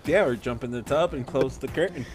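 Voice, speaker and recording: A man hosting a casual gaming session with friends, laid-back and quick to laugh. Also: medium pitch. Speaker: gaming channel host. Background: game music.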